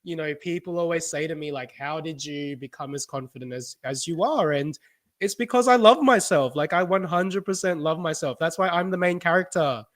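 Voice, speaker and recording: A man co-hosting a podcast, expressive and quick to laugh in casual chat. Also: on the high side. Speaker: podcast co-host.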